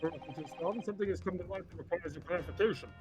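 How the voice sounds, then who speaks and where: A man's voice: high voice, brisk, over loud music, lightly acted. A man playing a formal courtroom judge in a game, with official phrasing.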